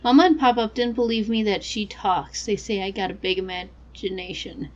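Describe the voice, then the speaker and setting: A woman's voice: medium pitch, steady tone, moderate pace, muffled recording, lightly acted. A woman voicing a naive, uneasy young country girl, reading her diary aloud in a game.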